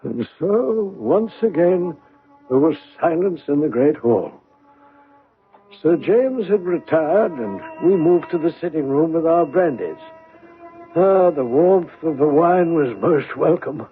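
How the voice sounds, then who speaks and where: An actor playing an earnest, inquisitive doctor who narrates and acts in a radio mystery, expressive and storytelling in manner. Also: male voice, on the high side, takes it slowly, soft background music. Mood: reflective. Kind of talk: radio drama narration and acting. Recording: muffled vintage radio broadcast.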